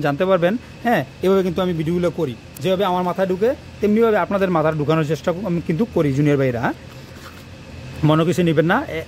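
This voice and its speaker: Here the same kind of hands-on wiring tutorial comes from a man with a fairly high pitch, speaking fast and circling back over his words while he works. A nearby propped-up phone records him, and a little noise sits underneath.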